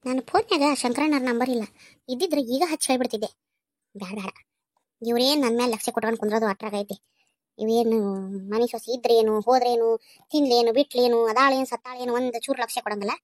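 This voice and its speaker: A resentful, scheming village woman from a cartoon, played by a woman with a North Karnataka Kannada accent. She grumbles bitterly in a high voice that rattles along at speed. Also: quick pace, no echo, close to an everyday voice. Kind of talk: cartoon voice acting.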